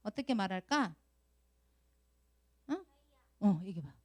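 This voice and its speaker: Brief: middle-aged woman, Sunday school preacher, lively, questions the children constantly, acts out crying. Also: mid-range voice, unhurried. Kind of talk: children's sermon.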